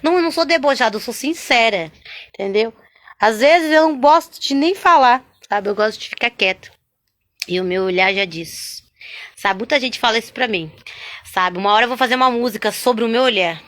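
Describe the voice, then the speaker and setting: A woman sharing a spoken religious testimony, chatty and animated, constantly tagging her sentences with little questions to the listener. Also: fairly high pitch, brisk. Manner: chatty, constant "né?" and "sabe?" tags; animated, swings between loud and hushed.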